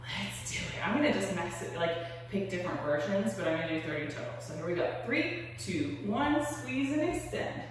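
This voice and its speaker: A woman's voice: lowish voice, animated, moderate pace, hardly any pauses. A woman working out as she teaches, an encouraging aerobics instructor who counts reps aloud and calls out form cues. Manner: exerting while talking. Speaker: fitness coach. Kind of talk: aerobics instructor leading a seated workout. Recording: echoey hall, distant mic, noisy.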